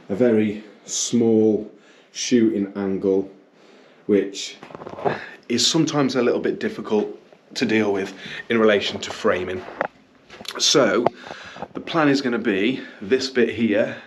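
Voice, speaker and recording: Talking from a small indoor studio, a business owner runs a casual, upbeat vlog full of ums and self-corrections, coughing slightly now and then. His lowish voice is a little mellow, and there's a little hiss or hum in the audio.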